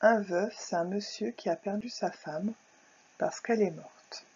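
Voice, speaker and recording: Slow, careful teacher. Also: female voice, medium pitch, mellow, a little hiss or hum. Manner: slow, carefully articulated, syllable by syllable. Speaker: primary school teacher. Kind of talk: recorded phonics lesson for young children. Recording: dull lo-fi recording.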